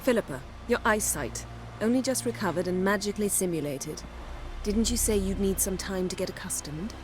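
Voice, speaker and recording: A woman playing a haughty, shrewd sorceress in a video game, with a formal, measured and imperious manner. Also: mid-range voice, expressive, background noise, natural voice. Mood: suspicious, cool. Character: haughty, shrewd, sharp-tongued adult sorceress.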